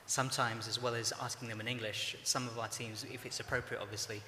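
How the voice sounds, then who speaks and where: A man speaking on a conference panel, explaining at length in a measured way with many fillers. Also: mid-range voice, flat delivery, pushed and bright. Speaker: panelist from a broadcaster's social news team. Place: conference hall, live panel. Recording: echoey hall with faint noise.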